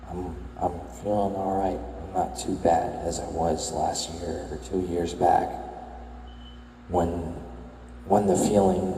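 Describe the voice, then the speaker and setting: Soft, gravelly, slow-spoken young man. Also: echoey room, long reverb tail, a little hiss or hum, low-quality recording. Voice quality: soft, low-key murmur. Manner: hesitant, self-correcting musing. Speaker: video game tour vlogger. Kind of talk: soft-spoken reflective voice-over.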